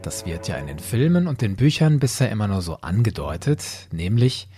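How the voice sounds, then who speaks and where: Soft music sits under this podcast host's lowish, mellow, sing-song voice, which moves at a normal speed. He explains things directly to his listeners in a solo narration that is emphatic, conversational and orderly.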